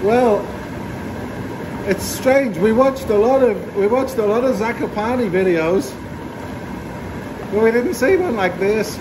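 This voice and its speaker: Upbeat male travel vlogger, high-pitched, chatty, recorded over loud noise. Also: expressive, slow, pauses often. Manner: enthusiastic, chatty. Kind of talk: casual travel vlog chat. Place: hotel spa and restaurant.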